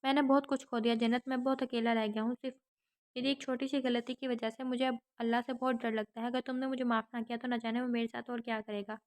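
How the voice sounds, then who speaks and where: A woman's voice: on the high side, level tone, natural voice. A woman reading a broken, pleading young man. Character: remorseful young man begging forgiveness.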